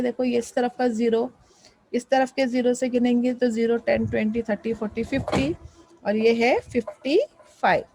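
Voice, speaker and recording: A woman's voice: on the high side, darkish tone, no room sound, rough recording. A woman math teacher explaining a lesson, patiently repeating questions and prompting students to answer.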